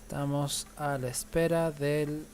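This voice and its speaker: A man's voice: fairly high pitch, level tone, moderate pace, a little mellow, slight background noise. A man with a Chilean Spanish accent, hosting a live stream and filling time with casual, rambling commentary. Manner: casual, rambling filler talk while waiting. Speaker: stream host.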